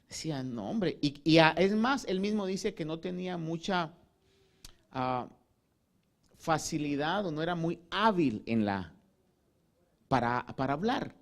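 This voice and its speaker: A male pastor preaching in a high voice that leaps up and down. He slows his delivery to stress key words and often turns to his listeners as "hermano.". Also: expressive. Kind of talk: sermon.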